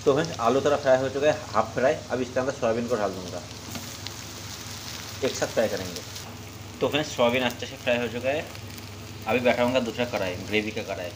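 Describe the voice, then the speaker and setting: A man's voice: mid-range voice, fast talker, long pauses, background noise. Chatty man narrating home cooking. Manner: chatty, step-by-step, keeps saying "friends". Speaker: cooking vlogger. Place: home kitchen.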